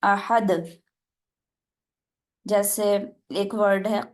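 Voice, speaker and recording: Woman tajweed teacher, higher voice, patient step-by-step explainer on a video call. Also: animated, a little mellow. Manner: explains step by step, asks students questions. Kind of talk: online class teaching. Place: online video call class.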